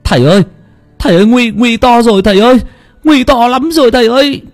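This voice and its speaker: A shrill, panicked young villager. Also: male voice, fast. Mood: frantic. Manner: shrill, frantic crying out. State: out of breath.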